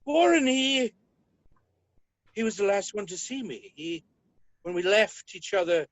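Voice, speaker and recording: A man hosting a comedy show in a pompous, theatrical manner, often breaking into yells. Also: high voice, moderate pace, no room sound. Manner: pompous, theatrical, prone to yelling. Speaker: comedy talk show host. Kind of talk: hammy comic acting.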